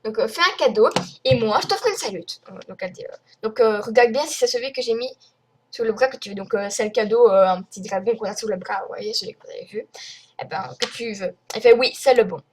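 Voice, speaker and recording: Young woman venting at viewers, kinda high voice, lots of euh, faint hiss behind. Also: fast talker, darkish tone. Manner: indignant, rambling with many fillers. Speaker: vlogger. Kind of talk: casual screen-recorded rant.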